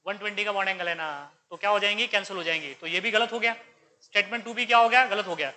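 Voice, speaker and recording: Man, chemistry teacher, high-pitched, very bright tone, repeats questions to students, mixes English terms. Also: fast. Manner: quizzing students with repeated questions, calls them beta. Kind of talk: exam paper discussion lecture.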